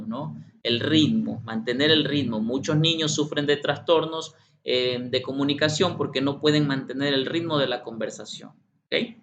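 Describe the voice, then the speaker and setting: Over a faint background hum and slightly muffled sound, a middle-aged man lectures in an online workshop with a medium-pitched, somewhat bright voice. He repeats himself, speaks directly to the participants and acts out children's voices.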